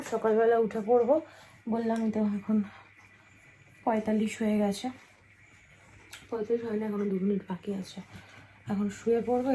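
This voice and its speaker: A woman's voice: a little high, slight background noise, low-quality recording. A woman chatting to viewers in a home vlog, showing things around her house. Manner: talking softly at night. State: tired and sleepy. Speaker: vlogger. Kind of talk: casual home vlog chat.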